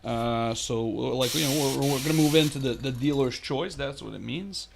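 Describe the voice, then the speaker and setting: A man's voice: medium pitch, normal speed, creaky, background noise. A man hosting a live miniature painting tutorial, chatting casually and rambling with lots of fillers, joking and talking to his chat. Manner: jokey, talks to chat.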